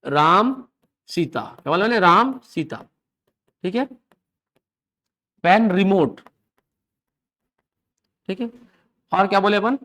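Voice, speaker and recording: एक पुरुष शिक्षक कक्षा में हिंदी और अंग्रेज़ी मिलाकर व्याकरण पढ़ाता है। वह बार-बार छात्रों से सवाल पूछता है कि वे समझ रहे हैं या नहीं, और ज़रूरी बातें दोहराता है।. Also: male voice, high-pitched, expressive, slow, long pauses, pushed and bright. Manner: keeps asking the class questions and checking they follow; repeats key phrases and examples for drilling. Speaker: English teacher. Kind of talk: live classroom lecture in Hindi mixed with English. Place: classroom with students.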